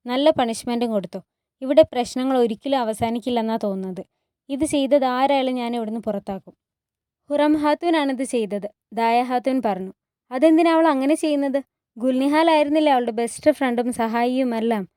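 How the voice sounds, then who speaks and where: A woman tells a palace drama as a spoken story and reads every character's lines herself. Her voice sits a little high and sounds mellow and soft. The recording is close and dry, with no room sound. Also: clean tone, no echo. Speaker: narrator retelling a TV drama. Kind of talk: storytelling narration with acted dialogue.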